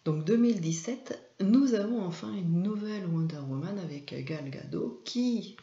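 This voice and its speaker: A woman hosting her own video, explaining at an unhurried pace and pausing often on filler sounds. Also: medium pitch, animated, warm tone, roomy sound, muffled recording. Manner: hesitant, many filler sounds. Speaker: video host and image consultant. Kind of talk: informal talk to camera.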